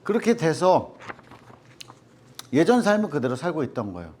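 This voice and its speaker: A man leads a children's Bible lesson in a fairly high, very animated voice. He talks straight to the kids, quizzes them and acts out the quoted voices in the story. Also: normal speed. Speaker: children's ministry teacher.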